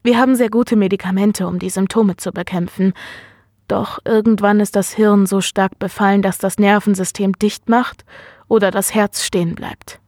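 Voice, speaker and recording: A woman reading the lines of a calm, earnest male doctor in a measured, serious way. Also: mid-range voice, no echo, studio quality, natural voice. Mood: grave.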